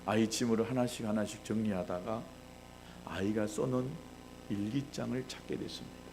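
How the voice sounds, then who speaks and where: Gravelly-voiced pastor telling a sermon story. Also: male voice, lowish voice, normal speed, noisy background. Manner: animated storytelling, acting out quoted voices.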